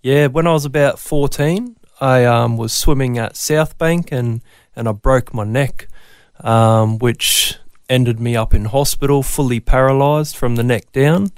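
Aussie bloke, queensland accent, smooth mid voice, informal and a bit halting, telling his story in an interview, dry sound. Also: medium pitch, no room sound. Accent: Queensland Australian. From Brisbane, Australia. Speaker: interview guest. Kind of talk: casual personal testimony in interview.

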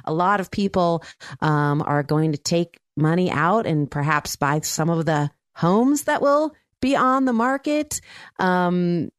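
A woman's voice: fairly low pitch, dry recording. A woman hosting a mortgage radio show from her home studio, chipper and chatty. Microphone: studio mic.

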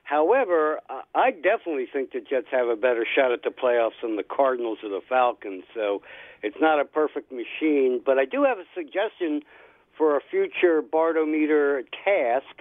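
An older man calling in to a radio show over a landline phone, speaking haltingly with many "uh" fillers and a wry, tongue-in-cheek tone. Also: mid-range voice, lively intonation, dry recording. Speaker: caller. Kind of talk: call-in chat on a sports radio show. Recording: narrow tinny landline phone line.

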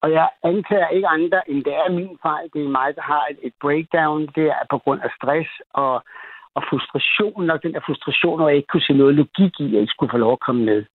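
A man calls in to a radio show and tells his story in an agitated, rambling way, stumbling and restarting as he goes. His voice sits a little high and comes through a thin, tinny phone line. The sound is dry, with no room around it. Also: dry recording. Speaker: caller. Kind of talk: telling a personal story on a radio call-in.

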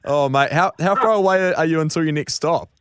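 A man's voice: fairly high pitch, brisk, clean tone, no room sound. A man with a New Zealand accent hosting radio in casual, teasing banter. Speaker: radio host.

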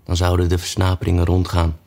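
A man reading a children's story aloud at an easy pace. His voice is low and deep, with small hesitations here and there. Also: fast. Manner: relaxed with frequent hesitations.

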